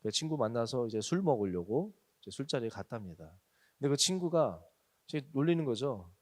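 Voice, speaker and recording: A man's voice: mid-range voice, sing-song, a little fast, a little mellow. A male pastor preaching to a young adults group, telling stories with acted quotes. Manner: storytelling testimony with acted quotes.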